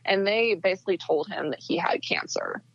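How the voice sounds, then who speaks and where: A woman's voice: mid-range voice, lively intonation, a little fast, vocal fry, muffled recording. A young woman telling a personal story in casual chat, with quoted dialogue and plenty of fillers. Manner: tells events with quoted dialogue, many fillers. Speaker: podcast guest.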